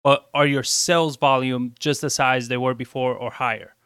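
A man's voice: mid-range voice, fairly even intonation, normal speed, a bit bright, clean tone, no echo, clean studio sound. Blunt man explaining in casual chat. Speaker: co-host.

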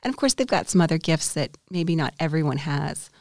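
A woman's voice: sits low, animated, fairly quick, darkish tone, no room sound, studio quality. A woman dentist co-hosting a podcast, talking candidly and reflectively in a casual conversation. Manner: candid, reflective, with small restarts.

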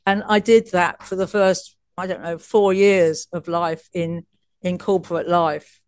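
A woman's voice: fairly low pitch, steady tone, measured pace, a little mellow, smooth, dry recording, clean studio sound. A woman coach as an interview guest, telling stories in a chatty way with frequent restarts and laughs. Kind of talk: casual interview storytelling.

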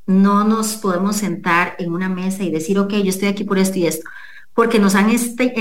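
A woman's voice: medium pitch, reverberant. A middle-aged woman, a coach and businesswoman, earnestly talking a listener through numbered questions as an interview guest. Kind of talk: motivational talk in an interview.

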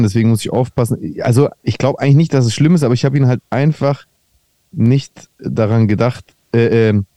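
Guy chatting on a podcast, warm mellow voice, dry close mic, keeps restarting his sentences. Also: mid-range voice, no echo. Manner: chatty, meandering anecdotes with many restarts. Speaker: podcast host. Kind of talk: casual podcast chat.

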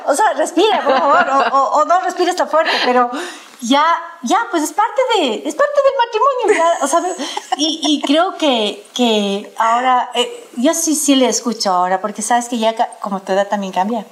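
Middle-aged lady, really high voice, lively chatty storytelling, laughs a lot while talking. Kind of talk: casual chat.

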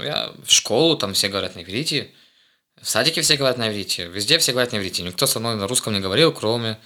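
A young Israeli man whose first language is Hebrew chats casually as a guest; he is the host's eldest son. His voice is low yet bright, and he speaks haltingly, searching for words and restarting many times.

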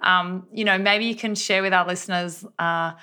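A woman with a bright, forceful voice hosting a podcast. She speaks with eager enthusiasm, heaping praise on her guest between questions. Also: fairly low pitch, fairly even intonation, moderate pace, clean tone. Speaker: podcast host. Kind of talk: podcast introduction and interview.

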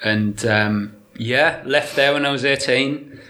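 A man's voice: medium pitch, slow pace, sharp tone. A man with a County Durham accent chatting casually as an interview guest, informal and a little hesitant, trailing off at times. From County Durham, north-east England. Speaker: podcast guest, mural artist.

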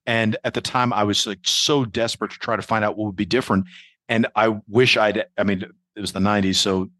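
A man's voice: lowish voice, fairly even intonation, brisk, fairly bright tone, dry recording. A man in his forties, a comedian hosting a podcast, telling stories in a laid-back way with many ums and asides. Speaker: podcast host and stand-up comedian. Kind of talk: casual podcast conversation.

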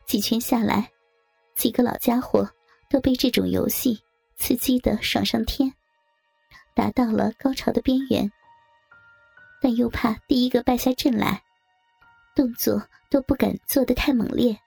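Woman narrator, first-person story reading, gravelly, husky, faint music behind. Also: a little high, fairly even intonation, unhurried, long pauses, darkish tone, no room sound.

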